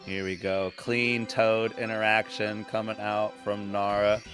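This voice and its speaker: A man's voice: lowish voice, level tone, measured pace, faint music behind. A young man giving casual live speedrun commentary in a laid-back, slangy, rambling way.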